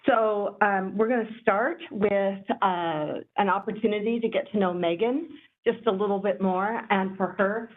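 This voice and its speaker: Halting woman chairing a meeting, tinny audio. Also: medium pitch. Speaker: board chair leading the meeting. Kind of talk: informal meeting facilitation. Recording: tinny, phone-like audio with faint noise.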